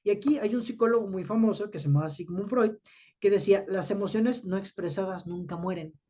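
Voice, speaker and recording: A man's voice: sits high, fairly quick, dark tone, lo-fi sound. A man, teaching students about emotions in an explanatory talk, often checking in with his listeners.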